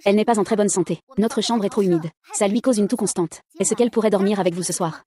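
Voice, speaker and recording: A woman reading out a dubbed drama, giving every character the same even voice. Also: medium pitch. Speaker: narrator voicing every character. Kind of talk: fast dubbed drama read-through.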